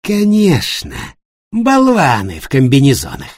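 A man voicing an angry, resentful male hotel worker who shouts scornfully. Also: medium pitch, wildly swooping pitch, a little slow, no room sound, studio quality, pitched above the performer's own voice. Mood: furious.

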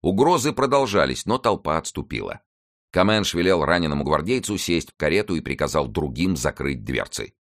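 A man's voice: rumbling low, very animated, fairly quick, fairly bright tone, dry recording, studio quality. A man narrating an adventure novel as an audiobook, reading dramatically.

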